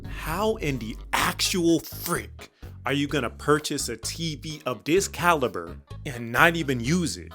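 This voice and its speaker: A man's voice: a little high, big pitch swings, unhurried, bright, forceful tone, faint music behind. A man giving comedic commentary on cartoon episodes, joking and ranting in slangy speech. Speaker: cartoon reviewer.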